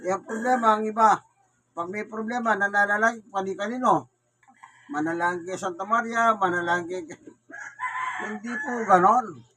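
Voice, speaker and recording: A man's voice: sits high, normal speed, long pauses, bright, forceful tone. A man with a Filipino accent gives a Bible sermon to a neighborhood crowd, often asking questions and answering them himself. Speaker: preacher. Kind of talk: street Bible preaching. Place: neighborhood gathering in Manila.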